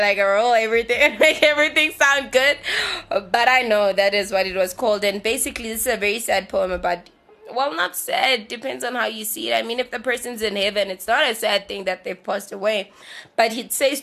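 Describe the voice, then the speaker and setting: A woman's voice: on the high side, a bit bright. Playful woman hosting a solo talk show. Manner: playful, self-teasing, jokey asides. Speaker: podcast host.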